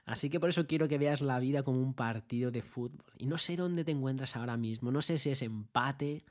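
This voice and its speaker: A man delivers a motivational talk at a middling pitch. He speaks conversationally, keeps asking rhetorical tag questions and paints a vivid scene. Now and then he bursts into shouting. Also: a little fast. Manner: builds a vivid scenario, jumps into shouted bits.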